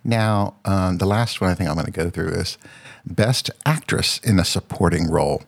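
A man's voice: deep voice, normal speed, creaky. A man hosting a casual solo podcast, rambling and searching for words with lots of ums. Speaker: podcast host.

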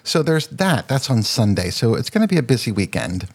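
A man's voice: medium pitch, very animated, brisk, slightly rough. A man hosting a casual solo podcast, rambling and searching for words with lots of ums. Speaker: podcast host.

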